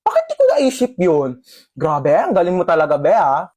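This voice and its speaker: A woman with a husky voice, teasing and lively in a comedy skit. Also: fairly low pitch, normal speed. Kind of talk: comedy skit role-play.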